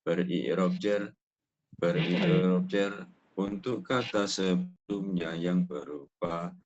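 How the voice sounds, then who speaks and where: A man reciting grammar rules in an online class, his audio choppy and cutting out as he repeats phrases haltingly. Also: sits low, a little mellow. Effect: choppy, cutting-out call audio. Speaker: student. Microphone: online voice call. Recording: dull, slightly noisy call line.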